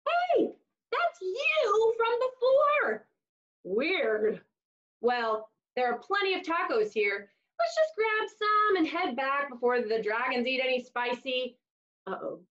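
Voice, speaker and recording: A high-pitched woman in her thirties reads a storybook aloud to young children in a small room. She exaggerates her expression and adds dramatic pauses. The audio is dull, lo-fi webcam sound.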